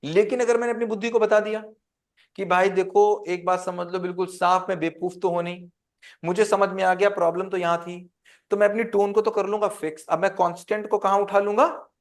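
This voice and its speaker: Man, high voice, teacher, interactive lecture, asks the class questions. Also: fairly even intonation, brisk. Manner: quizzes the class with call-and-response questions.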